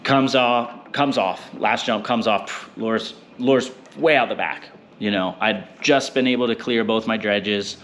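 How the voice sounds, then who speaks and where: A fishing boat captain, a man, telling a story in a rambling, animated way with many fillers. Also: fairly low pitch, a little slow, hardly any pauses, slight background noise. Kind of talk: casual storytelling.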